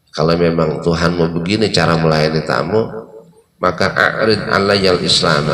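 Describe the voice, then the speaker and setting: A man giving a Ramadan sermon in a mosque, telling a story with lively, casual talk and Arabic quotations he explains as he goes. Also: lowish voice. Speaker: mosque preacher. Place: mosque hall. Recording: echoey mosque with audience.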